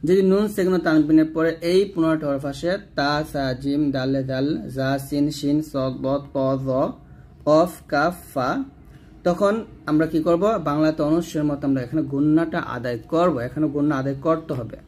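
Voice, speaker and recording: A man teaching Quran recitation rules, explaining patiently step by step and slowly chanting the example words in between. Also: fairly high pitch, darkish tone. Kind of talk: tajweed lesson with recited examples.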